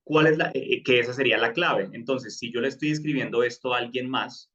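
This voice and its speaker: A man's voice: mid-range voice, a little fast, a bit bright, lo-fi sound. Man teaching a live class. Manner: explanatory, many fillers and restarts. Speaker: crypto course instructor.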